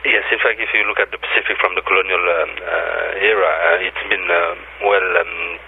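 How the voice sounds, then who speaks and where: A man's voice: deep voice, fairly even intonation, moderate pace, gravelly. A man from New Caledonia, a guest in an interview over the phone, hesitant with many ums and restarts. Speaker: interview guest, advocacy group director. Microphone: telephone. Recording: tinny phone line, faint hiss.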